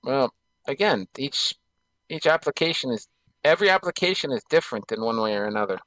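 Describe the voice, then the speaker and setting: Man with a lively, bouncing voice. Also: medium pitch, a little fast, rough recording. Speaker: call participant. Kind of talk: casual group chat.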